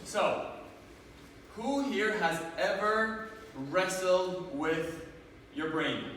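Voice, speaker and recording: A man's voice: sits high, extremely slow, a bit bright, slight background noise. A man from Romania giving a live motivational seminar talk, engaging the audience with questions. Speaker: motivational speaker. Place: large hall with audience. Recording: echoey hall, from far off.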